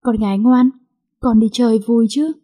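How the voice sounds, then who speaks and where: A woman voicing a frail, dying old father who speaks slowly and tenderly to his daughter. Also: fairly high pitch, fairly even intonation, mellow, close to an everyday voice.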